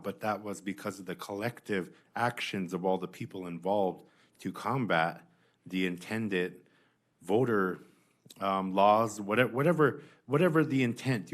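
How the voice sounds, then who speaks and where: A man giving spoken testimony as a witness at a hearing, earnest and insistent, often halting and restarting his phrases. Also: fairly low pitch. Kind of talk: spoken testimony, answering questions.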